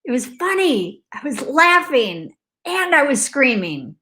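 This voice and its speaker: Bright, animated middle-aged woman telling a story. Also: high voice, a little slow. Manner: animated, acts out alarms and shouted outbursts, laughs often; talks in loose fragments with many likes. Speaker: host. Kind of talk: casual personal storytelling.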